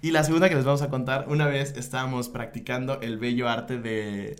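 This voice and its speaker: A man's voice: mid-range voice, a little fast. A young man with a Mexican accent co-hosting a casual couple podcast, telling stories with lots of swearing and acted-out quotes. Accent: Mexican Spanish. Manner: animated storyteller, swears often, acts out quotes. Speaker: podcast co-host.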